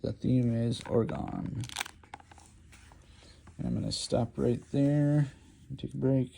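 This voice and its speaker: A man's voice: mid-range voice, steady tone, takes it slowly, creaky, mellow, a little hiss or hum. A man giving a rambling, informal lecture while drawing, hesitant with many ums and restarts. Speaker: lecture host.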